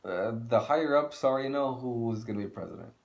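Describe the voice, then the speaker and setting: A man's voice: medium pitch, lively intonation, quick pace, creaky. A man co-hosting a video channel, ranting casually and bluntly, swearing and repeating himself for emphasis. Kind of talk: casual opinion rant.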